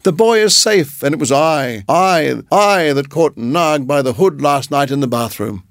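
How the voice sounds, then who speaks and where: A man's voice: mid-range voice, expressive, slow, vocal fry, no echo, studio quality. A man doing a cocky little mongoose hero. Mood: triumphant. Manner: fierce, triumphant and taunting. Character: brave boastful young male mongoose. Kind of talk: storybook reading.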